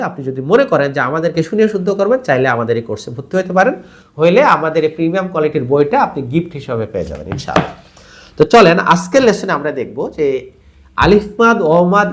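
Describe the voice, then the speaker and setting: A man teaching a Quran recitation lesson, earnestly drilling syllables with drawn-out vowels. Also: a little high, a bit bright.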